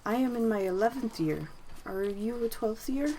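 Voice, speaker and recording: A woman voicing a shy little kitsune girl who speaks softly, stammering and near tears. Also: fairly high pitch, expressive, a little slow, a little hiss or hum, pitched above the performer's own voice, poor audio. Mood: shy, tearful. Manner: soft, whimpering, stammering.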